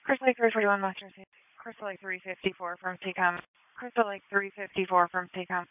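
A woman's voice: mid-range voice, steady tone, brisk. A woman working as an emergency dispatcher, giving clipped procedural replies over ambulance radio. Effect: two-way radio. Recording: dry, narrow phone-like radio channel.

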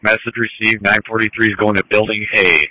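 A man's voice: lowish voice, little pitch movement, a little fast, pushed and bright, low-quality recording. A man speaking as an emergency unit responder in short two-way radio messages. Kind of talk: radio traffic.

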